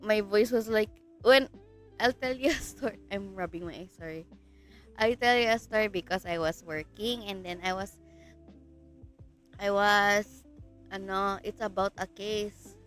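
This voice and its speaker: A woman's voice: medium pitch, a little slow, long pauses, fairly bright tone, soft background music. A woman with a Filipino accent chatting casually on a livestream, giggling often, her voice stuffy and congested from a cold. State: stuffy nose, sick voice. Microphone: streaming mic.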